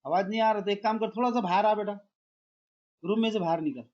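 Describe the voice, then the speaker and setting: A man with a high-pitched voice teaches a math class online at a fast pace, calling his students "beta" and mixing English math terms into his explanations. The audio has its highs cut off.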